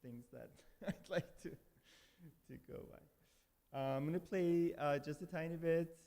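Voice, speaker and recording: A man from Iran whose first language is Persian introduces himself casually as a guest musician at a church service, hesitant, with many fillers and restarts. His voice is on the high side, slow and a little mellow, echoing in a reverberant sanctuary.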